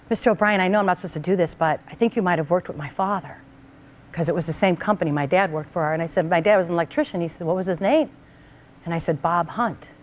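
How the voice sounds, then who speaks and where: A woman talk show host telling a personal story to her guest, animated and acting out the voices of the people in it. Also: lowish voice, a little hiss or hum.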